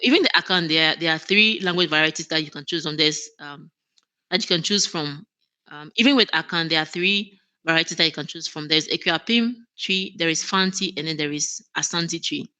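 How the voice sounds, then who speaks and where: A woman with a low voice talks a little fast, her tone pushed and bright. She is the guest in a conversational interview, an operations manager who speaks earnestly, restarts often, and laughs easily.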